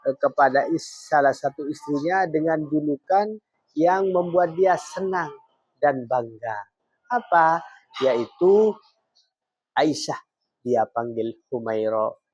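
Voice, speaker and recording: A man's voice: mid-range voice, a little mellow, no echo, rough recording. A man giving a didactic religious talk as a teacher, explaining his points with examples. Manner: slow, deliberate, explaining with examples. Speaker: Islamic teacher.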